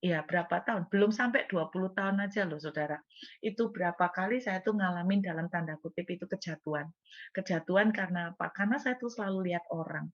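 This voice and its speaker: A woman's voice: on the low side, quick pace, lo-fi sound. A middle-aged woman pastor with an East Javanese Indonesian accent, telling a personal story in a sermon and speaking straight to her congregation. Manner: storytelling, addresses congregation as Bapak Ibu.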